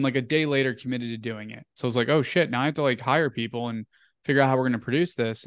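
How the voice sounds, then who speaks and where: A man's voice: mid-range voice, clear, resonant tone, no room sound, studio quality. A young man telling a story as an interview guest, casual and rambling, full of "like" and "um". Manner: rambling, filler-heavy, "like" and "um" often.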